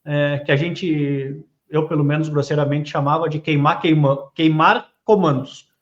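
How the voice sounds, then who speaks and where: A man hosting a podcast, asking long questions with many hesitant pauses. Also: a little high, fairly even intonation, lo-fi sound. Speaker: podcast host. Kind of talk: casual podcast interview.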